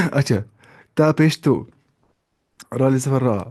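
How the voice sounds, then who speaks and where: A young man teaches a live online Quran reading lesson in a mellow, mid-pitched voice. He sounds out each letter and vowel mark slowly before blending them into whole words. He often poses a question and answers it himself, checking that his students follow.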